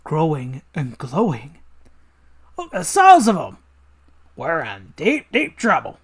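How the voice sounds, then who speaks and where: A wisecracking young cartoon hero, acted by a man reading a comic. The voice sits a bit high. He is brash, punchy and taunting. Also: wildly swooping pitch, slow, breathy edge, exaggerated voice. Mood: fired up. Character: cocky wisecracking young cartoon animal heroes. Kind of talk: dramatic comic read-along.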